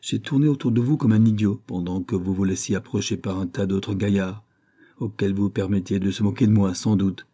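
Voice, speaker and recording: A man's voice: lowish voice, fairly even intonation, a little fast, warm tone, lightly acted. A man voicing a jealous, bullying middle-aged rich husband who talks in a resentful, blustering and insistent way. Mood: angry resentment.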